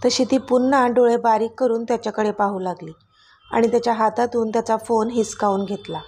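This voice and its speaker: A woman narrating a romantic story in a gentle, even storytelling manner. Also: a little high, brisk, husky.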